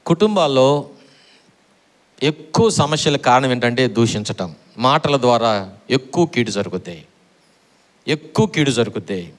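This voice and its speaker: A man's voice: mid-range voice, very animated, unhurried, pauses often. A middle-aged man preaching a sermon, repeating his phrases and quizzing the congregation for answers. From Andhra Pradesh, India.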